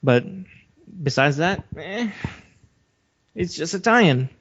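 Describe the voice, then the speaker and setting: A man from a Western country co-hosts a podcast in a slightly high, fairly bright, slightly rough voice, animated but taking things slowly. He lays out his opinions casually, assertively and emphatically, steering the discussion. The recording is dull lo-fi audio.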